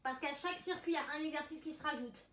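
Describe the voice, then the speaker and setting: A woman's voice: high-pitched, quick pace, a bit bright. A woman working as a fitness instructor, coaching a circuit workout live with countdowns and short, encouraging commands. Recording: roomy echo, distant mic, background noise.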